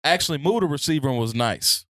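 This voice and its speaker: A man's voice: fairly high pitch, animated, fast talker, a bit bright, no echo, clean studio sound. A man in casual sports banter, blunt and opinionated, with heavy slang.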